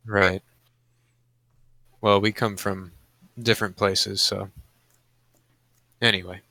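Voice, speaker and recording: A man's voice: lowish voice, flat delivery, takes it slowly, sharp tone, dry recording. A man playing a tabletop game in character, speaking in a dry, matter-of-fact way. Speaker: player.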